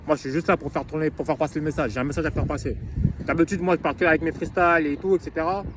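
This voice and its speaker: Young man from france, rambling slangy vlog talk, slightly high voice, windy noisy street sound. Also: steady tone, racing. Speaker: vlogger sharing English-learning tips. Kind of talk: casual spoken vlog. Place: outdoors in wind. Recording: noisy outdoor recording with wind.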